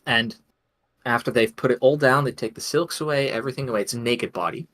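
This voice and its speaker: A man's voice: mid-range voice, fast talker, a bit bright. A man narrating a tabletop game as game master, chatty, with frequent laughs and many fillers.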